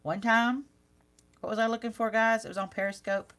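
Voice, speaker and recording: A woman's voice: a little high, level tone, brisk, a bit bright. Chatty woman hosting a live craft stream. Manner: chatty, talks directly to live viewers; self-teasing, laughs at herself. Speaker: card-making channel host. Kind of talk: casual live craft demonstration.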